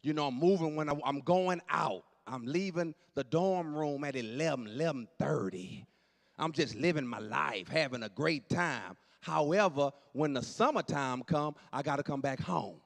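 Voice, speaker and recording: A man in his late forties doing animated stand-up storytelling on stage, dropping to low asides and jumping up for punchlines. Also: moderate pace, vocal fry. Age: 40s. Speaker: stand-up comedian. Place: church hall on stage. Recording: long hall reverb.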